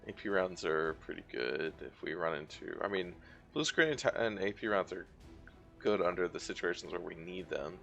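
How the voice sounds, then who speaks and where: A man's voice: deep voice, animated, normal speed, vocal fry, fairly bright tone, highs cut off, soft background music. A man giving casual gameplay commentary, muttering and thinking aloud as he plays. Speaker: video game streamer.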